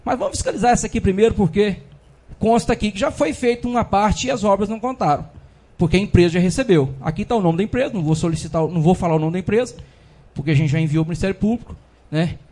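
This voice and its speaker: A man's voice: sits high, fast, darkish tone. A man giving an indignant speech as a city councilman in a council chamber, full of repeated fillers.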